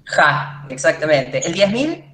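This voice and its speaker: Teacher, female, low-pitched, patient classroom explainer, reverberant room. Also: very animated, slow, a bit bright, slight background noise. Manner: explains step by step, checks in with the class. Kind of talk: classroom lecture.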